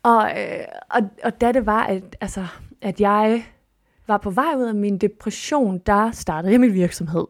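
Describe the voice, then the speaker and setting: A woman hosts her own podcast, talking casually and expressively, often restarting thoughts and sometimes swooping upward. Her voice sits at an everyday middle pitch. The sound is dry and close, with no room echo. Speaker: podcast host. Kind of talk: casual solo podcast monologue.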